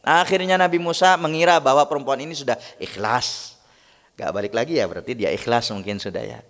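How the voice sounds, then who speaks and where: A man gives a dawn sermon, moving between storytelling and recited Arabic as he speaks to the congregation. His voice is gravelly and sits at a middle pitch. It rings with the long reverb of a large prayer hall. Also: brisk, a bit bright. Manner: retells stories, mixes in Arabic recitation, addresses the congregation directly. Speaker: preacher.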